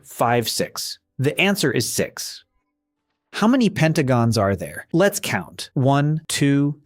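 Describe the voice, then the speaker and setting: Guy teaching little kids to count, slow and bouncy, soft music behind. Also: medium pitch, no echo, studio quality. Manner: slow, sing-song counting with questions and answers. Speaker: children's math teacher. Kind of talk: counting lesson for young children. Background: faint background music.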